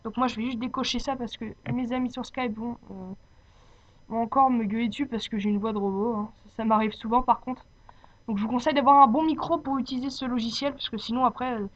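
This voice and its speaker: A woman with a fairly high voice presents a casual software tutorial. She talks off the cuff and often hesitates to find the next word. The sound is dull and lo-fi, like a cheap home microphone. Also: steady tone, fairly quick. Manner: hesitant, searching for words. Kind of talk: informal unscripted software tutorial.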